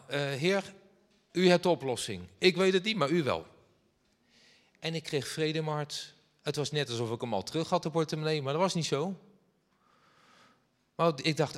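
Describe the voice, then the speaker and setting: A man preaching, telling a personal story in a lively way and acting out the dialogue. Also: a little high. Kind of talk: sermon anecdote. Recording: long hall reverb.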